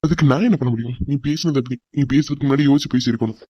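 A man's voice: medium pitch, rapid-fire, dry recording, lo-fi sound, lightly acted. A man voicing an arrogant, hot-tempered rich young man in a cartoon drama, who talks in a scornful, mocking way. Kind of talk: cartoon voice acting.

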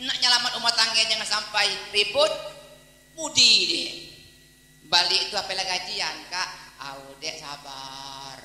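High, bright-voiced Palembang preacher. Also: male voice, a little slow. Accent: Palembang Malay. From Palembang, Indonesia. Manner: lively storytelling, mimics dialogue, breaks into song snippets. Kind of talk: humorous sermon with storytelling. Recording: echoey hall with long reverb.

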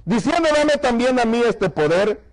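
A man's voice: very high-pitched, lively intonation, normal speed, poor audio. A man from Mexico preaching to a church congregation, giving an emphatic testimony and calling the listeners brother. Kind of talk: sermon testimony.

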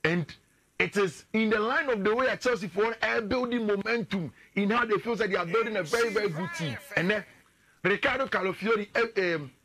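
A man in his thirties with a Ghanaian English accent giving animated football analysis in a radio studio, standing and gesturing at a screen. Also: high-pitched, fairly quick, slightly rough.

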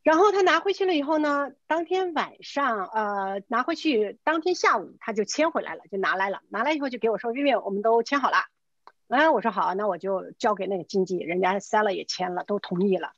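A middle-aged real estate agent speaks fairly quickly in a mid-range voice, telling a relaxed story and playing out each line of quoted dialogue with liveliness. She blends English words into her talk, and the video-call recording is lo-fi with no room sound.

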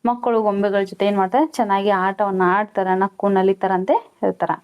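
A woman's voice: mid-range voice, level tone, fairly quick, clean tone, lo-fi sound. A woman teacher explains a school lesson, asking questions and then answering them herself.

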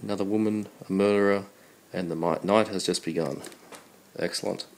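An Australian man hosts a casual unboxing at a computer desk indoors, his low, gravelly voice stuffy from a cold and moving a little fast. He sounds understated and appreciative. The audio is poor, with steady background noise throughout.

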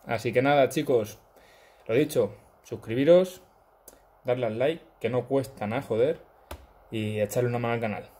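A man's voice: mid-range voice, moderate pace, long pauses, mellow. A man in his thirties with a Peninsular Spanish accent, chatting casually to camera as a vlogger at home. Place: room at home, indoors. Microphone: phone close to face.

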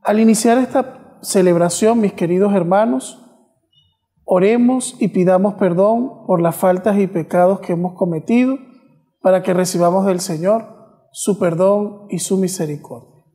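Priest, long cathedral-like echo. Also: male voice, high-pitched, warm tone. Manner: measured, reverent delivery in short phrases. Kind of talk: solemn liturgical address. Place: small chapel, indoors, at the altar.

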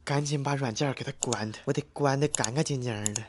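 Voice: mid-range voice, fairly quick, noisy background, lightly acted. An actor voicing an anxious student muttering nervously to himself in a comic cartoon skit. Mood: anxious relief. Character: anxious student double-checking his laptop is off.

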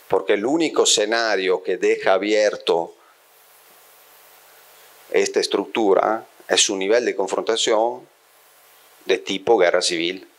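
A middle-aged man from Italy delivers a university-style lecture to a seated live audience in a small room lined with bookshelves, holding a handheld microphone close. His voice is very low. He reasons aloud and repeatedly pauses to ask whether his listeners are with him.

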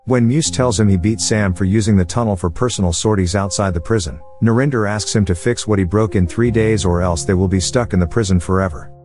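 A man reading a scripted movie recap as narrator, with a steady, even storytelling delivery. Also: on the low side, fairly quick, hardly any pauses, soft background music.

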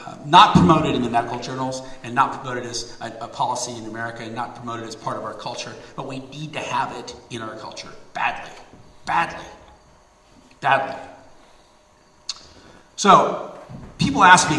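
A middle-aged man giving a public talk and taking audience questions, energetic and fond of repeating words for emphasis. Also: medium pitch, a little hiss or hum. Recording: roomy hall, mic at a distance.

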